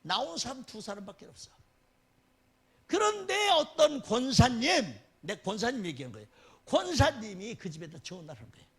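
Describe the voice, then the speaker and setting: A man preaching a sermon as a guest pastor, animated and often laughing as he tells stories. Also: moderate pace, slightly rough. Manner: animated, laughing, dramatic swings in pitch.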